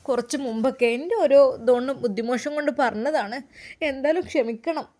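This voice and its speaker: A woman voicing Muthu, an earnest young man with a Malabar Malayalam accent who talks in a subdued, lowered voice. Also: brisk, darkish tone, lightly acted. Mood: apologetic.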